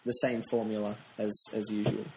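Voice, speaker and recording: A man's voice: on the low side, little pitch movement, moderate pace. A man co-hosting a podcast, chatting casually about a TV show in a wry, rambling way with frequent laughs. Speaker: podcast co-host. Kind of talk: casual review chat. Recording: roomy echo, faint noise.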